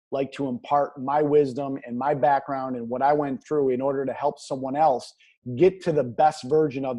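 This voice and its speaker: A man's voice: medium pitch, mellow. A man speaking as a guest business coach, talking in an earnest, motivational way and leaning on pet phrases. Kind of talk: motivational interview talk.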